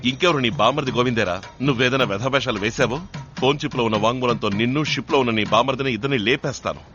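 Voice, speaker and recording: A man in comedic film dialogue, talking fast, swinging from threats to whining. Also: mid-range voice, a bit bright. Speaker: film character. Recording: dull film soundtrack with music. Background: film music.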